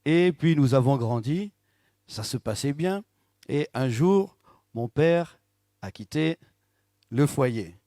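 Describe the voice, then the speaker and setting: A man leads a church service as pastor, telling his story in a lively, engaging way and often checking in with the congregation. His voice sits at an ordinary middle pitch. The handheld mic sound is dry and close, with hardly any room around it. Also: takes it slowly, pauses often, dry recording. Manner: lively, often asks the congregation "n'est-ce pas?" and jokes. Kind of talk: church testimony and sermon. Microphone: handheld microphone.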